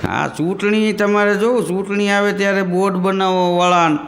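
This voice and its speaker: High-voiced Kathiawadi Gujarati comedian. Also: male voice, fairly even intonation, a bit bright, in a large hall, slight background noise. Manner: folksy storytelling, jumps into quick character voices. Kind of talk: stand-up joke telling.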